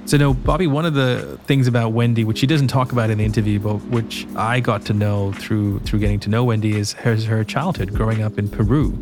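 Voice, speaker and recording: A man's voice: on the low side, steady tone, brisk, hardly any pauses, over music. A man hosting a podcast, telling stories in a reflective way and introducing a guest. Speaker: podcast host. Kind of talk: scripted intro and casual chat.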